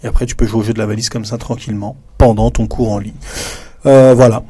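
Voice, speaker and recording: A man's voice: on the low side, steady tone, fast, dark tone, husky. A man walking fellow teachers through classroom materials in a casual, chatty way, often addressing the listener informally. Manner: chatty, addresses viewer informally, many fillers. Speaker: French teacher trainer.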